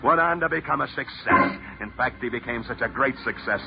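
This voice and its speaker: A man as a sports broadcaster, telling stories in dramatic 1940s radio newsreel narration with theatrical pitch swings. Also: brisk, vocal fry, heavy background noise. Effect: old radio newsreel broadcast. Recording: muffled old radio recording with loud music.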